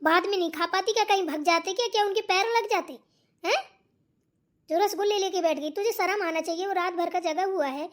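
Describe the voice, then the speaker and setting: A woman doing a nagging cartoon mother-in-law. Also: very high voice. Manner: nagging, scolding. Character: scolding bossy older mother-in-law. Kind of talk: cartoon voice acting.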